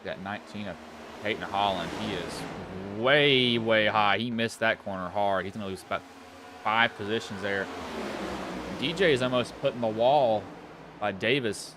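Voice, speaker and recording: Background noise runs under this man's fairly low voice as he commentates an online sim race at a moderate pace. His Southwest Virginian accent carries casual, rambling calls, with self-corrections and remarks to himself in between.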